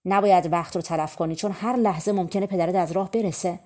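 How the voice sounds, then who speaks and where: A woman's voice: on the low side, steady tone, warm tone, natural voice. A woman reading a fairy tale and voicing a worried queen stepmother who speaks urgently.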